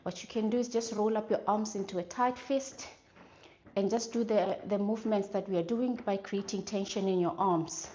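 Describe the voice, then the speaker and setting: A female fitness instructor leads a workout, giving encouraging coaching, instructions and short motivational cues. She urges with clipped, repeated commands during exercise in a mid-range, dark-toned voice with fairly even intonation at a moderate pace. The sound is lo-fi with slight background noise.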